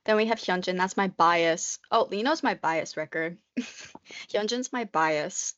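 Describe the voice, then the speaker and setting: A woman in her twenties co-hosts a podcast, her lowish, slightly bright voice moving a little slowly through casual, rambling chat. She keeps saying "like" in a nervous stream of talk. The recording sounds muffled.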